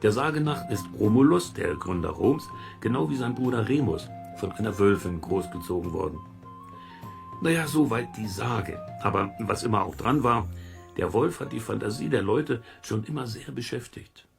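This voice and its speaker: In a German children's audio drama, an actor plays a folksy, curious amateur investigator, a chatty middle-aged man who muses, chuckles, and explains things colloquially to listeners. His gravelly voice is on the low side, animated, at normal speed, in an amused mood, with music in the background.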